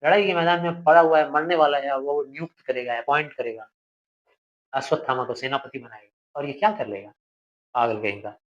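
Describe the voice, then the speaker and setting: A man's voice: medium pitch, fairly quick. A male teacher explaining a Hindi verse play, reading it in a dramatic voice and explaining it in simple words. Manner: dramatic, raises voice when quoting characters, explains in simple Hindi. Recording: dull lo-fi sound.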